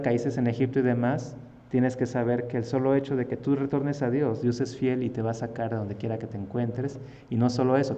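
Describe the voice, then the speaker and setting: A man, giving an animated, conversational religious lesson. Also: medium pitch, long reverb tail, lo-fi sound. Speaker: religious teacher. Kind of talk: lively storytelling lesson.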